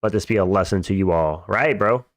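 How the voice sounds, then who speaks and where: A man with a fairly low voice hosts a casual livestream. He talks like a frat bro, dropping bro and dude as he reads chat and replies. The sound is dry, with very little room on it. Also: a little fast, no room sound. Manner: frat-bro talk, slangy, peppered with bro and dude. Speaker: livestream host. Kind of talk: casual livestream chat, reading out and answering viewer comments.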